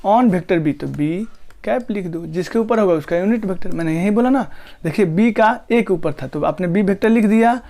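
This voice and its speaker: A man's voice: high-pitched, dark tone. Man teaching, quizzing his class. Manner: asks students rhetorical questions and answers them himself; drawn-out slow dictation of terms. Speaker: physics teacher. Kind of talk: classroom lecture.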